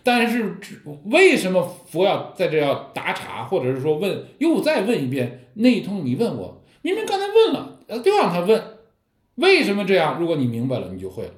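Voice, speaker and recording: Animated man giving an echoey dharma talk. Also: high voice, normal speed. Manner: lively storytelling with rhetorical questions. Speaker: Buddhist teacher. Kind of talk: dharma talk explaining Zen koans. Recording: echoey room.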